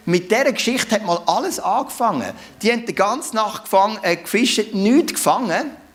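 A man's voice: high-pitched, lively intonation, normal speed, a bit bright. A man with a Swiss German accent preaching a sermon, telling the story conversationally and asking rhetorical questions.

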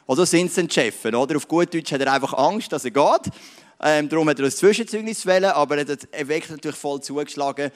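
A man preaches directly to his congregation, weaving anecdotes and read-aloud stories into his sermon. His voice sits a little higher than most men's. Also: fast. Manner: direct, addresses listener as du. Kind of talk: sermon with storytelling.

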